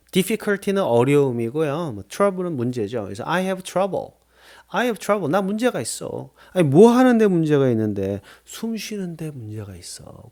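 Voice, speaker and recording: Animated man teaching English slowly. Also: a little high. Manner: explains slowly, spells out words and drills pronunciation; asks rhetorical check-ins. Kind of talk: English lesson.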